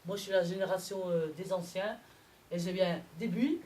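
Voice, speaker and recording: On a comedy club stage, a middle-aged Frenchwoman performs a chatty stand-up set, telling animated stories and acting out bits of dialogue. Her voice is lowish at a moderate pace, and loud audience laughter creates heavy background noise.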